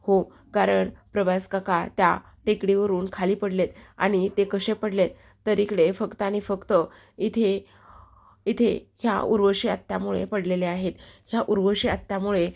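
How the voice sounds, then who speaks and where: A woman narrator voicing a frantic young wife who pleads with her family and keeps repeating herself. The voice stays flat in pitch, with a gravelly, creaky edge. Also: measured pace. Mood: pleading.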